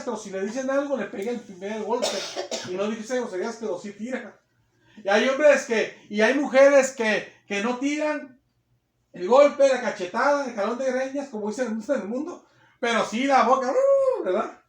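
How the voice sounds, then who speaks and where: A man preaching a sermon, emphatic and repetitive, often checking in with his listeners, recorded on a phone in a church hall. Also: high-pitched. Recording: echoey room on a phone.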